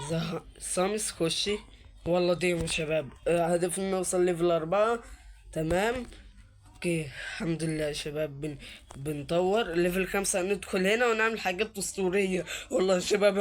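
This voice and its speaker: This man, a YouTuber with an Egyptian Arabic accent whose voice sits high, keeps up excitable, informal commentary while playing. He addresses viewers directly and repeats words quietly to himself while hunting for something.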